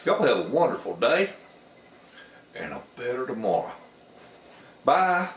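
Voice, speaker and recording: A man's voice: mid-range voice, big pitch swings, unhurried, a little hiss or hum. An older man, showing how he bakes a cake at home in a casual, homespun way. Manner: homespun, folksy, savoring with hums. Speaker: home baking vlogger. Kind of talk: casual kitchen demonstration. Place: home kitchen. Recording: roomy kitchen with faint ambience.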